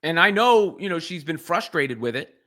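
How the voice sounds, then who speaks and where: A man's voice: a little high, expressive, moderate pace, sharp tone. A man giving solo sports reaction commentary in an earnest way, often restarting his phrases as he thinks.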